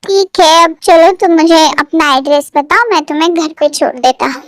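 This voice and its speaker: A woman's voice: extremely high pitch, moderate pace, no room sound, clean studio sound. A woman voicing a proud, brusque young man in a fan fiction story read aloud, speaking curtly.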